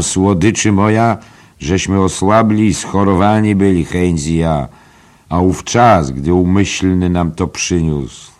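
A man's voice: sits low, a little mellow, pitched above the performer's own voice. A man voicing a boisterous, mocking young jester who whines in a mock-archaic way.

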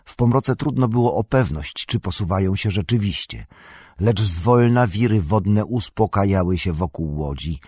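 Deep, husky audiobook narrator. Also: male voice, no echo, clean studio sound. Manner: calm, measured storytelling. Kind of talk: scripted narration of a fantasy novel.

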